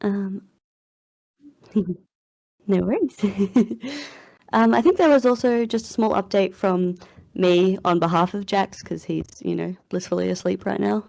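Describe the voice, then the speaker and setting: A woman's voice: medium pitch, unhurried, gravelly, pauses often, a little mellow, dry recording, studio quality. A woman hosting a casual live voice chat, upbeat and chatty, with fillers and frequent laughs, in her morning voice. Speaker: community manager hosting an AMA. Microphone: voice chat headset or computer mic.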